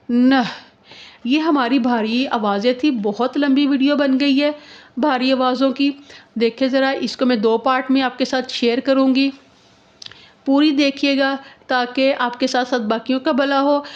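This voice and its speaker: A woman with a fairly high voice teaches handwriting slowly and patiently. She says each letter sound over and over and keeps asking whether everything is clear. The recording is dull and somewhat lo-fi. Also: steady tone. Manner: patient, repeats letter sounds and keeps checking with "theek hai". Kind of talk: step-by-step teaching lesson.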